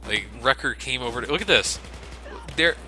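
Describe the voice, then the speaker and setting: Game gunfire and ambient sound run behind this Let's Play commentator as he jokes and curses his way through the game. He speaks at normal speed in a mid-range voice, sharp in tone and lively in intonation, with a sarcastic, casual edge.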